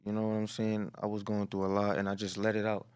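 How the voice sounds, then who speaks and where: A man, a rapper talking casually and quietly in an interview, often trailing off. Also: monotone, fast talker, clear, resonant tone, no echo, studio quality. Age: 20s. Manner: laid-back, low-key, trails off with "that's really it". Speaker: rapper guest.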